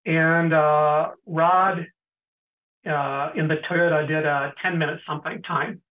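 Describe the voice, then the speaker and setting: High-voiced man telling stories, tinny sound. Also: fairly even intonation, slow. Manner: anecdotal, frequent throat clearing and hesitant fillers. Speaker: interview guest. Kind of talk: casual storytelling interview.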